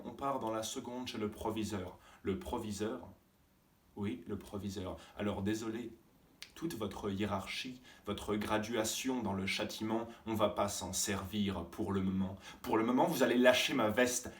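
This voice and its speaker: A male stage actor delivering a theatrical monologue as a fiery young man with a strong voice, his tone moving between measured recall and angry outbursts. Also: lowish voice, natural voice. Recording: roomy stage sound from a distance.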